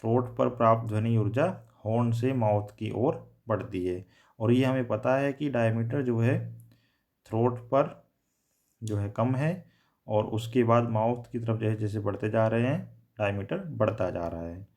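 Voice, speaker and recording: A man with a mid-range, darkish voice gives an explanatory technical lecture at an unhurried pace. He repeats and rephrases his points, mixing in English terms as he teaches.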